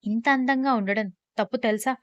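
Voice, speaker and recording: A woman's voice: fairly high pitch, fairly even intonation, a little fast, no room sound, muffled recording, lightly acted. A woman narrator voicing a teasing, possessive young husband in an audio love story, speaking in a playfully bossy way.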